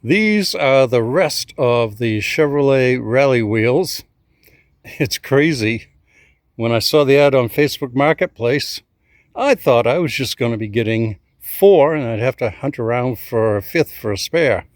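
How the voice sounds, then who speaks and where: A chatty man walks through his garage projects in a relaxed, self-mocking way. His voice sits at an ordinary middle pitch. The recording is close and dry, with no room sound. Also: measured pace, no echo. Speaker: garage vlog host. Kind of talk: casual workshop walkthrough.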